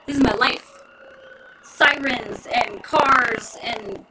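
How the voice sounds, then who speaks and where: On a live chat from her home, with street traffic outside, a woman in her thirties rambles casually to her viewers and laughs a lot. Her voice is on the high side and unhurried, picked up by a distant mic in a very noisy recording.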